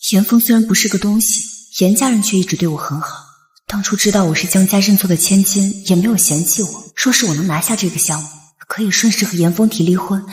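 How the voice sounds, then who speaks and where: Woman as cool young wife, husky voice, curt, assertive. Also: medium pitch, a little mellow, close to an everyday voice. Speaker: wife, heroine. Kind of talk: TV drama acting.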